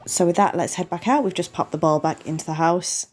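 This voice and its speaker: This gaming channel host speaks in a fairly low, slightly mellow voice at a brisk pace, with soft music in the background. Sick with a cold, sniffling and losing her voice, she chats apologetically through a farming game, explaining every step to viewers.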